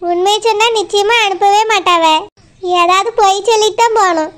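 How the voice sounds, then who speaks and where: A woman's voice: very high voice, fairly even intonation, a little fast, a bit bright. A woman voicing a scheming young village daughter-in-law in a cartoon, with a Tirunelveli Tamil accent. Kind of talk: cartoon voice acting.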